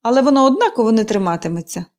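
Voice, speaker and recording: Bitter bedridden woman in an audiobook, read by a woman, dry and peevish, a mellow voice that still moves around a lot. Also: on the high side, lively intonation, very fast, close to an everyday voice. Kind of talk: audiobook character reading.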